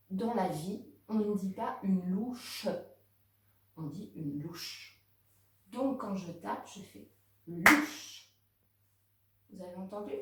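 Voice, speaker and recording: A woman teaching a home lesson to young children, speaking slowly and clearly to the kids and their parents. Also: fairly high pitch, dark tone. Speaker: kindergarten teacher. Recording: very echoey room, voice from a distance.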